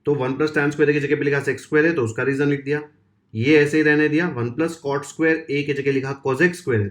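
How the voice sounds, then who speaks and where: A man with a voice of middle pitch teaches school maths. He talks to the students in an informal, friendly way and walks them through each step as he writes it. His pace and tone stay those of an ordinary classroom lesson. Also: a bit bright.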